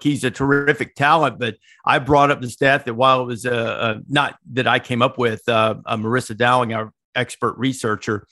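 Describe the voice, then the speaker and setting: This middle-aged man co-hosts a podcast with casual, digressive college football chat and many restarts. His medium-pitched voice has a fairly bright tone, captured dry and clean in a studio.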